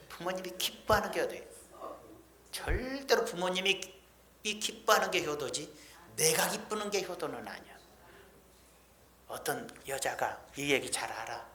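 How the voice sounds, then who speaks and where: A woman's voice: low voice, a bit bright, slight background noise. A woman preacher giving a sermon in a folksy, emphatic storytelling manner, with blunt everyday speech. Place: church sanctuary. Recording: echoey church hall.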